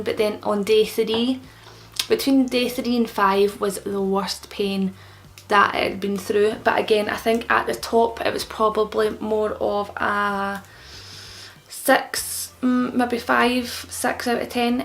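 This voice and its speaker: Thick-tongued young woman with creaky voice. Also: medium pitch, level tone, a little slow. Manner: slightly impeded, thick-tongued speech from a new tongue piercing. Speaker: vlogger answering common questions. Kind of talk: casual explanatory vlog talk.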